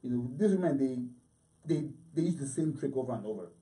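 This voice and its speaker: A man's voice: mid-range voice, a little fast, far from the mic, slight background noise. A man casually retelling a story on a podcast, profane and acting out the quotes. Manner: animated, profane, acts out quotes. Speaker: podcast co-host.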